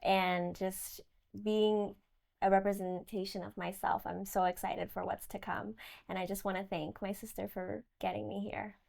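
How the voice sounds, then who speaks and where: A woman's voice: medium pitch, flat delivery, normal speed, creaky, a little mellow. A young woman giving earnest, grateful answers in an interview as a pageant candidate. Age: young adult.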